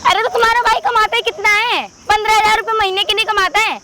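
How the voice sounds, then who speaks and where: A woman playing a discontented young wife in a staged family drama, arguing and complaining in sharp retorts. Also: very high-pitched, steady tone, quick pace. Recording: loud outdoor street noise.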